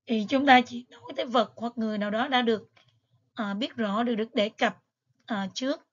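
A woman's voice: on the high side, a little fast, dull audio. A woman teacher, patiently going over exam material step by step with frequent fillers. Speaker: English teacher. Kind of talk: exam review lesson.

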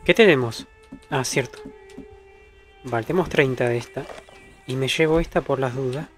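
A man with an Argentine Spanish accent chats casually over his gameplay, teasing and swearing freely. His pitch sits at an ordinary middle for a man. Game music plays faintly behind him. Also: normal speed. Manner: chatty, swearing, teasing banter. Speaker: gaming streamer. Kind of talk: casual let's-play commentary.

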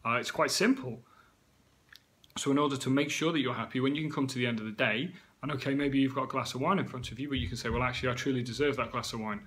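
Man in his thirties with a British accent, fitness coach, relaxed chatty motivational vlog delivery, ordinary middle pitch. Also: fast talker. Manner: chatty, with frequent 'um' and 'okay?' asides. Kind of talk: casual motivational talk to camera.

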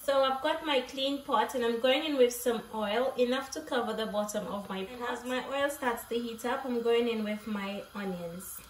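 A chatty woman with a fairly high voice walks viewers through a recipe in her home kitchen. She keeps checking in as she goes, and her voice is picked up from a distance in an echoey room. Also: moderate pace, hardly any pauses, noisy background. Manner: chatty, ends phrases with "okay?". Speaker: cooking channel host. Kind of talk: casual cooking tutorial. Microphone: off-camera camera mic, overhead framing.

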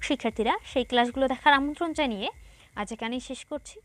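A woman's voice: high-pitched, fast, dry recording. A woman teacher with a Bangladeshi Bengali accent, giving a patient, explanatory lesson to schoolchildren and reading passages aloud.

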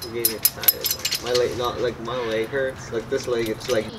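A man's voice: mid-range voice, flat delivery, moderate pace, gravelly. A young American man bantering casually, complaining and nervous, in an informal vlog. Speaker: partner in a vlog challenge. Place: residential backyard, outdoors. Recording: distant, very noisy windy outdoor audio.

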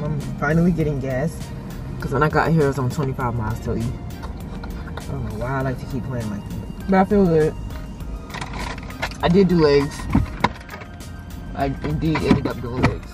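A woman's voice: normal speed, long pauses, over music. A woman in her twenties vlogging casually from her car, laid-back and swearing freely. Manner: laid-back, swears freely, low and drowsy early morning. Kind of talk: casual vlog chat. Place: parked car.

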